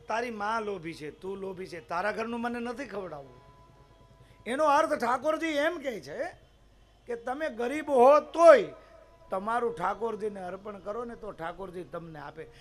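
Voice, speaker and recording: A man preaching a devotional sermon, telling a scripture story and putting emphatic rhetorical questions to his listeners. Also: very high-pitched.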